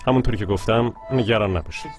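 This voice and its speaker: A man's voice: lowish voice, faint music behind, close to an everyday voice. A man as a polite young businessman. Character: confident young businessman managing a company project.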